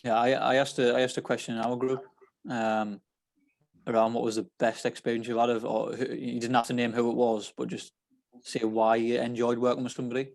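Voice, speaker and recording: A man's voice: medium pitch, flat delivery, fairly quick, vocal fry, darkish tone. A coach on a video call, speaking earnestly and repeating words while he gathers his thoughts. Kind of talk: casual video-call discussion.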